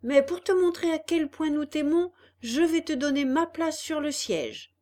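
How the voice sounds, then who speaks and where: A woman's voice: sits high, measured pace, voice pushed up. Woman playing a fawning, honey-voiced little man. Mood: coaxing. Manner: honeyed, flattering. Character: sweet-talking fawning little man, coach driver.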